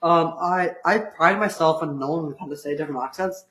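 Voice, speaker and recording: A man's voice: fairly high pitch, fairly quick, bright, forceful tone, reverberant, low-quality recording. A teenage boy co-hosting a podcast, chatting casually and teasing his friend, with lots of "um" and "like". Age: teens. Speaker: podcast co-host. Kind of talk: casual chat.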